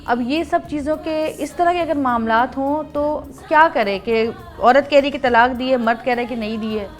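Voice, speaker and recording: A woman with a Pakistani Urdu accent hosting a TV talk show, who sets up her questions by recounting cases. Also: high-pitched. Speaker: host.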